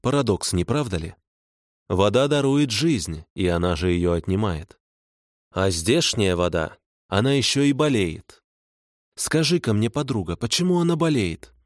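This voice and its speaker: A man voicing a calm, stern, ancient male water spirit who speaks unhurriedly. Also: fairly low pitch, normal speed, no room sound, studio quality, close to an everyday voice.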